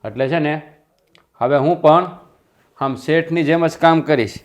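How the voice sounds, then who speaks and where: An actor playing a resentful younger brother who insists on taking over the business in a family drama. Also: male voice, fairly high pitch, a little slow, natural voice. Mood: defiant. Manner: defiant, insistent. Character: resentful younger brother demanding his share. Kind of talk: Gujarati family stage drama.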